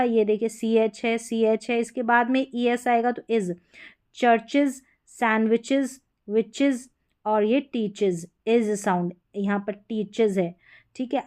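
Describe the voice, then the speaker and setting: A woman with a Hindi accent teaching English pronunciation in a patient explanatory lesson, repeating each example word slowly. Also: on the high side, a little mellow.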